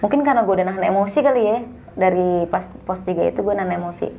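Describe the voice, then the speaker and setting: A young woman, telling a story as a guest in a casual, animated way and acting out the dialogue. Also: medium pitch, very fast, vocal fry, muffled recording, a little hiss or hum.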